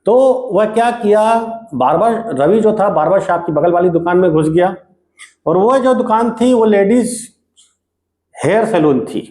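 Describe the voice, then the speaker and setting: High-voiced male teacher in an echoey room. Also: lively intonation, a little slow, a little mellow. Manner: casual storytelling with frequent check-ins like "okay". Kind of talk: retelling a textbook story as a lesson.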